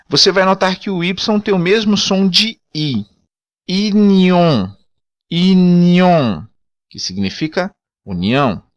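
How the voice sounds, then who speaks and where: A man's voice: fairly high pitch, a bit bright, no echo, clean studio sound. A man with a Brazilian Portuguese accent teaching a pronunciation lesson, saying each example word twice and then giving its meaning. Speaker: language teacher.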